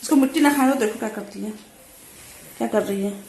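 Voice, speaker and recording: A woman's voice: fairly high pitch, brisk, a little mellow. A woman in her thirties vlogging at home, playfully scolding and coaxing a child in a sing-song way, on a phone camera. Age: 30s. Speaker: family vlogger. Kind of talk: casual home vlog. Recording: echoey room with clear background noise.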